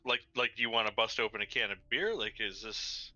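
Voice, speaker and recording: A man's voice: on the low side, a little fast, bright, forceful tone, no echo. A man playing a tabletop game, joking and restarting his sentences. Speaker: player. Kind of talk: casual tabletop game chat. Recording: dull lo-fi mic.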